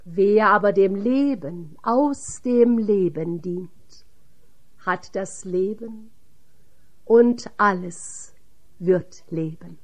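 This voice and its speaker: A woman reading the part of Jesus as a calm, solemn teacher in a measured audiobook voice. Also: mid-range voice.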